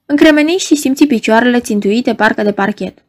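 A woman reading a novel aloud as narrator, in an even, measured storytelling manner. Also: on the high side. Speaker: audiobook narrator. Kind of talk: scripted narration.

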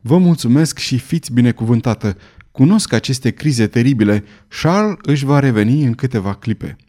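A man's voice: mid-range voice, expressive, warm tone, lightly acted. A man voicing a devoted young woman who soothes her troubled lover, in an audiobook reading. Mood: grateful. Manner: soothing, tender.

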